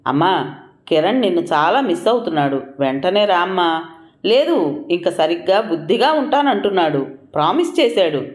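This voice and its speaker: A man's voice: high voice, lively intonation, normal speed. A storyteller voicing a troubled middle-aged father who speaks earnestly and reproachfully to his son. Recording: roomy echoing room.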